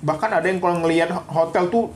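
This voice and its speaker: Earnest man, lively counselling talk. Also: sits high, fast talker, slight background noise. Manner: earnest, animated, acts out quoted wives and husbands. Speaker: psychologist and co-host. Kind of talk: live-stream Q&A on marriage.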